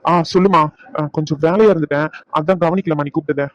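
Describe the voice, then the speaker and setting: Performer doing a stressed young cartoon husband, very rapid exasperated talk, dull dry lo-fi sound. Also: medium pitch, no room sound, close to an everyday voice. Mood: defensive. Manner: exasperated arguing. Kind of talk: dubbed cartoon acting.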